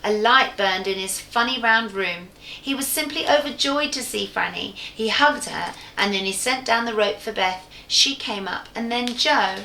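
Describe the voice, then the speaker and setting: Bright-voiced woman reading a storybook. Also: on the high side, a little slow, vocal fry, a little hiss or hum. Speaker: teacher. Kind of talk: storybook read-aloud. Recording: echoey room.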